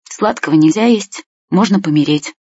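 Brief: old grandfather, put on by the storyteller, tired and gentle, sighs a lot, husky tone, dull lo-fi sound. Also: mid-range voice, moderate pace, no echo. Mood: weary. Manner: weary, sighing.

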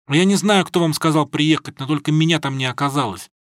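A man's voice: on the high side, fast talker, dry recording, studio quality, lightly acted. A man doing an earnest naive young student. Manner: pleading, blurting out confessions.

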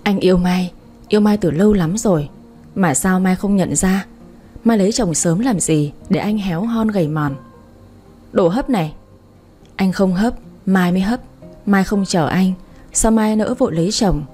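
A woman reading the part of a drunk young husband, speaking in a slow, drawn-out, whiny slur. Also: medium pitch, warm tone, breathy edge, faint music behind, close to an everyday voice. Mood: drunk tender. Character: drunk young husband, slurring, clingy and tender.

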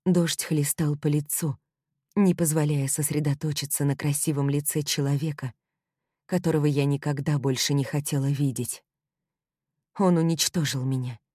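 Low-voiced woman narrating tensely. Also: darkish tone, husky, no echo, clean studio sound. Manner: tense, dramatic. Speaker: audiobook narrator. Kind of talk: scripted first-person narration.

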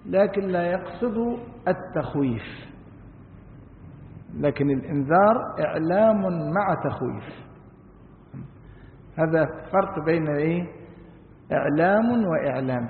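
A man giving a religious lesson, explaining slowly, asking rhetorical questions and chanting verses. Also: high voice. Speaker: Quran commentary teacher. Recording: echoey hall on a tinny, phone-like line.

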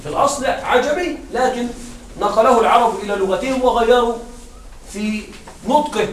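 A man's voice: very high voice, fairly quick, a little hiss or hum. A male teacher giving a classroom grammar lesson, often quizzing his students and restarting words as he explains. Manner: questioning students, repeats and restarts. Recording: roomy classroom sound from far off.

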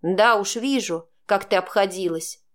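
A woman's voice: mid-range voice, a little slow, lightly acted. A woman voicing a cold, sarcastic middle-aged mother who speaks in a cutting, scornful way.

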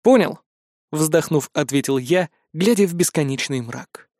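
A man narrating an audiobook in a lively, expressive way. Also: a little high, fairly quick, no room sound, studio quality. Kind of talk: scripted narration.

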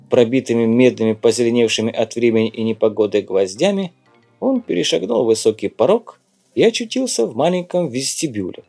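A man narrating an audiobook in a steady, descriptive storytelling manner. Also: mid-range voice.

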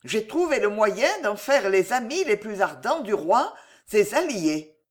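A cold, calculating queen mother voiced by a woman reader who persuades in measured, deliberate phrases. Her pitch rises and falls in a lively way. Read as an audiobook character. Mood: persuasive. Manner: measured, persuasive, coolly triumphant.

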